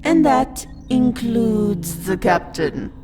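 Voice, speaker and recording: A woman's voice: a little high, animated, takes it slowly, music in the background. A woman playing an authoritative, theatrical and encouraging space admiral in an audio drama. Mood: amused, reassuring. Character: commanding but encouraging female space admiral, amused, reassuring.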